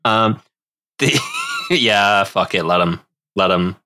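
A man's voice: lowish voice, very animated, slow pace, sharp tone, slight background noise. A man co-hosting a podcast, chatting playfully and laughing. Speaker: podcast co-host. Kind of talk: casual comedic chat.

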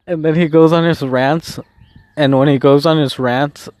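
A man talking casually to himself on a walk, high on weed, with a laid-back, repetitive stoner drawl. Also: steady tone, normal speed, darkish tone, no echo. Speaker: vlogger recording an audio diary. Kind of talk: rambling casual solo chat. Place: outdoors, walking along.

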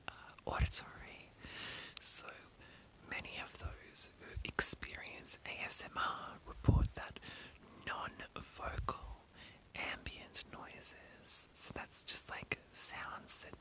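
Whispery asmr host, all breath no voice, reading stuff out loud and rambling casually about it. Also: poor audio. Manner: informal, rambling, self-commenting.

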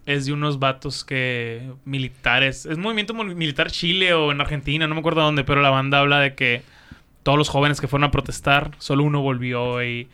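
A man's voice: mid-range voice, a little fast, bright, forceful tone, smooth. A young man with a Mexican Spanish accent, co-hosting a podcast in casual, slangy chat and laughing often. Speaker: podcast co-host.

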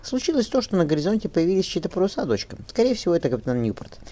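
A man's voice: high voice, sing-song, racing, dark tone, pitched above the performer's own voice. A man reading an audiobook and voicing a resolute young mother, firm and tender with her daughter, his voice raised somewhat. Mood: determined.

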